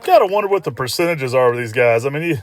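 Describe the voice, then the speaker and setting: Quick-talking man, casual food vlog voice-over. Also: medium pitch, animated. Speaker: restaurant review vlogger.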